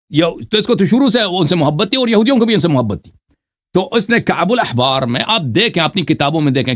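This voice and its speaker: A man arguing insistently in a heated debate, lecturing and cutting in. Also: a little high.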